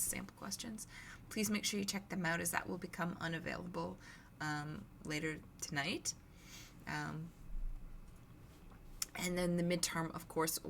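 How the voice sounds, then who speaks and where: Woman, university lecturer, scratchy hoarse voice, gravelly, relaxed conversational explaining, faint background hum. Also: fairly low pitch. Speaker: university instructor. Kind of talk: recorded lecture.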